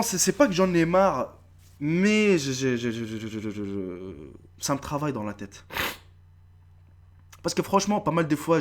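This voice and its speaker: A man in his thirties with a North African French accent, talking straight to his viewers in a casual, swearing, repetitive vlog. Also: on the high side. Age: 30s. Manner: animated, swearing, repeating himself, addresses viewers directly. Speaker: YouTube video creator. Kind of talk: casual face-to-camera vlog.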